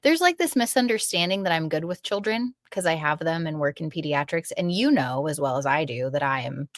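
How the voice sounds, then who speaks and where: A woman's voice: deep voice, lively intonation, fairly quick, dry recording. Dry-humored woman co-host, close mic. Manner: dry, self-deprecating humor. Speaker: podcast co-host. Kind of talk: casual chat.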